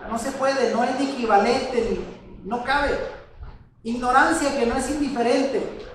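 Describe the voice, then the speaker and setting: A man's voice: very high voice, steady tone, a little slow. Male religious teacher, conversational sermon delivery full of rhetorical questions, recorded off-mic in a very echoey room. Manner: asks rhetorical questions, addresses listeners as brother. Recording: very echoey room, distant mic, faint noise.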